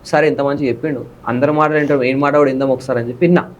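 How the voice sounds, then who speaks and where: A young man, a content creator in a casual interview, talking fast and excitably. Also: medium pitch. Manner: fast, excitable, bursts into loud dramatic dialogue delivery. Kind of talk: casual interview with acted film dialogue.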